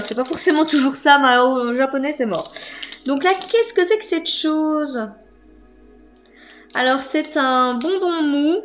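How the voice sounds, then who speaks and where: A chatty woman with a fairly high voice talks through an unboxing in a relaxed, hesitant way, often pausing on fillers. Soft music plays faintly behind her. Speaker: vlogger. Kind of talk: casual unboxing chat.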